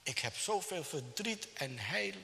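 A man's voice: on the high side, sing-song, unhurried, vocal fry, sharp tone, in a large hall, slight background noise, voice pushed up, exaggerated voice. A man voicing a grieving young mother in a retold story, speaking in an anxious, pleading way. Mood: sorrowful.

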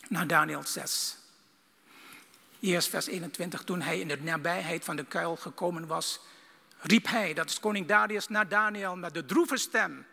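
Fervent male preacher, high gravelly voice, husky edge, recorded in a big reverberant hall. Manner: fervent, swinging from loud bursts to hushed lines. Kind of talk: sermon.

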